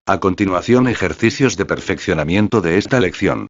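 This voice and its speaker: A man announcing the end of a lesson and the next section, in a formal, steady manner. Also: deep voice, normal speed. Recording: dull lo-fi audio.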